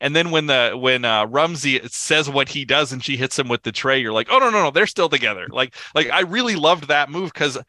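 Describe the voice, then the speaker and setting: Male podcast co-host with a very bright, tense voice and a dry close sound, eager and animated. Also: medium pitch, moderate pace, hardly any pauses, no room sound. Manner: enthusiastic, animated retelling. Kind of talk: casual film discussion.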